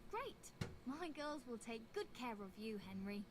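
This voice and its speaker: An actress playing a polite, caring brothel madam who runs a medieval bathhouse in a video game. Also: female voice, fairly high pitch, sing-song, measured pace, background noise. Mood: businesslike. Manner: polite, businesslike madam addressing customers. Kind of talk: video game role-play dialogue.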